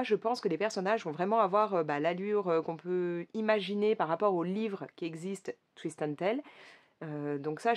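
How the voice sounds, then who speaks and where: A woman's voice: lowish voice, a little mellow. A woman chatting casually to her viewers about upcoming coloring books, talking loosely with lots of hesitations and self-corrections. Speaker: coloring vlogger.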